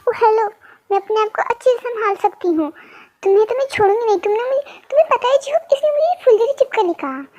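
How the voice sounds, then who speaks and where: A woman's voice: very high voice, animated, fast, dark tone, dry recording. A woman playing a feisty young woman spoiling for a fight. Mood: defiant. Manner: threatening, indignant.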